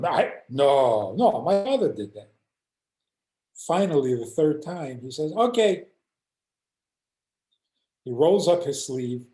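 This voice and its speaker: Older male rabbi, unhurried, animated storyteller; roomy echoey video-call sound. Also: on the high side. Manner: animated storyteller acting out quoted voices. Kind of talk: teaching talk with stories.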